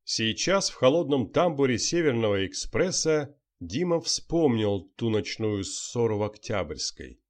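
A man narrates a novel in a steady, unhurried voice of middle pitch. His reading stays even and clear throughout. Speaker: audiobook narrator. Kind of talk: audiobook narration.

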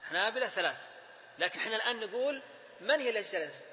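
A man's voice: high voice, expressive, fast, a little hiss or hum. A man teaching a classroom lesson, drilling lists and prompting students with short questions. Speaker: teacher of Islamic inheritance law. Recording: reverberant room, dull lo-fi sound.

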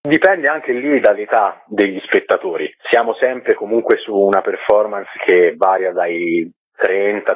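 Over a tinny, narrow-band phone line into a radio programme, a man with a lowish, slightly rough voice answers interview questions as a guest actor. His replies are conversational and explanatory, and he repeats words for emphasis. There's no room sound.

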